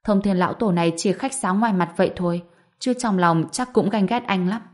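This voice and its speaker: A woman reading a gentle, curious young woman companion in an audiobook. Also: mid-range voice, fairly quick, natural voice. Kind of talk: audiobook narration.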